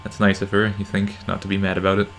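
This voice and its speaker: A narrator reading a visual novel game aloud in a deadpan way. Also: deep voice, fast talker, slight background noise. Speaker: narrator in a let's play.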